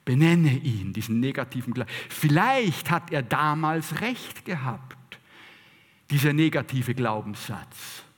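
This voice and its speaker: A man's voice: mid-range voice, lively intonation, a little slow, big-room sound. A man preaching a sermon, emphatic, repeating phrases and asking rhetorical questions.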